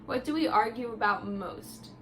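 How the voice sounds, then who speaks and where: A woman's voice: fairly high pitch, moderate pace, fairly bright tone, faint music behind. A young woman vlogger chatting casually, telling a story with lots of "like" fillers. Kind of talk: casual chat.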